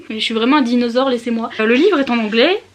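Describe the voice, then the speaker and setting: A woman's voice: on the high side, fast. Giggly, rambling young woman vlogger. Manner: giggly, rambling and self-mocking. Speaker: YouTuber talking about reading. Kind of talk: casual chat to camera.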